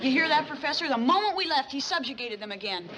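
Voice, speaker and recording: A fiery young student crusader in a TV sitcom. Her high voice swings widely as she declaims big words with indignation, over a noisy soundtrack. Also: lively intonation, quick pace, over a noisy crowd. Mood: rousing, outraged. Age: young adult. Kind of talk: sitcom acting.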